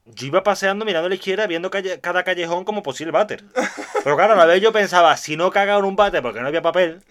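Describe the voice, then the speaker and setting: A man from tells a rambling funny anecdote in a relaxed chat. He acts out every line of dialogue in his story and often breaks into laughter. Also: high-pitched, very fast. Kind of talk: casual comic storytelling.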